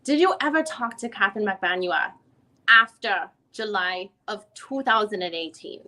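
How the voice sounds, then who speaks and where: A woman gives a dramatic reading of a legal transcript, playing a lawyer who questions a witness at a deposition in a formal, methodical, probing way. Her voice is medium-pitched, expressive and sharp, at a moderate pace.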